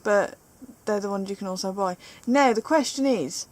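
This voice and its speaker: A woman's voice: medium pitch, moderate pace, darkish tone. A woman with a British accent, chatting playfully at home while opening trading cards and reading them aloud. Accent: British English. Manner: playful, chatty, reads card text aloud. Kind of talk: casual chat. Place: living room at home.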